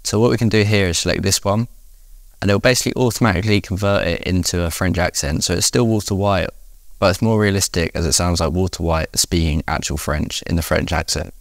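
A man hosting a casual software tutorial, explaining each step in a relaxed way. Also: deep voice, fairly quick, creaky, no room sound, clean studio sound. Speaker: tutorial host.

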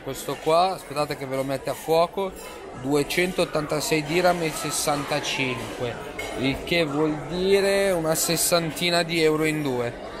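A man's voice: a little high, a little slow. A young man chatting casually to camera as a food vlogger, addressing his viewers with jokes while he eats in a busy restaurant, filmed on a small handheld camera mic at arm's length. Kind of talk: casual vlog talk to camera. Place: busy restaurant in a shopping mall. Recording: noisy crowd and music behind. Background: loud crowd chatter and music.

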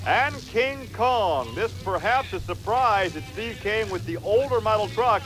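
High-voiced male play-by-play announcer. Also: measured pace, music in the background. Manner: steady, informative announcing. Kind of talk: sports commentary.

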